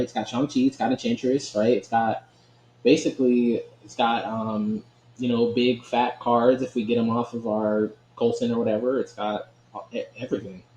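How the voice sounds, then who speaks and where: A man's voice: mid-range voice, dark tone. Chatty gaming man in an echoey room. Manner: chatty, keeps asking "right?", laughs often. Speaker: gaming channel host. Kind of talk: casual gameplay commentary. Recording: echoey room with faint ambient noise.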